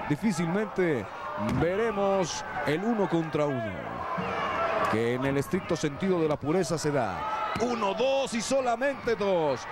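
A man's voice: high voice, very noisy. A man with a Mexican accent working as a wrestling commentator, calling the action in a florid, declamatory way and repeating phrases for effect. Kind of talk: excited lucha libre play-by-play commentary. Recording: lo-fi TV broadcast over loud arena crowd.

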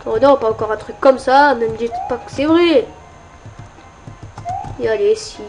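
A woman giving casual gameplay commentary, excitable and often yelling and cursing at enemies, with faint game music behind. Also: fairly high pitch, a little slow. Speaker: let's play gamer.

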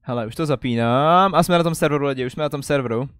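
A young man chatting casually on a live stream, excitable and stammering as he greets viewers. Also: medium pitch, smooth, no room sound, soft background music. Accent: Czech.

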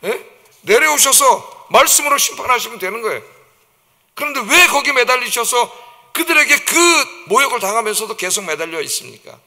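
High bright-voiced preaching man in a church. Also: sing-song, moderate pace. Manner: vivid, emphatic preaching, acting out mockers' taunts. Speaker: pastor. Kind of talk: dawn service sermon. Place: church sanctuary. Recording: long church reverb.

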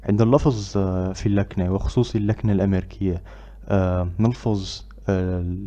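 A man teaching English pronunciation, who repeats drill words loudly and pauses with filler sounds between phrases. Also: deep voice, steady tone, muffled recording. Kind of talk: pronunciation lesson.

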